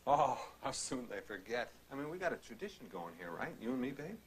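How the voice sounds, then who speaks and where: A man's voice: medium pitch, very animated, fairly quick. An actor playing a casual, teasing middle-aged father in a TV movie, heard through hissy old VHS tape audio. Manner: casual, teasing, talks in asides. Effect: old VHS tape audio with hiss. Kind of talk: TV movie acting.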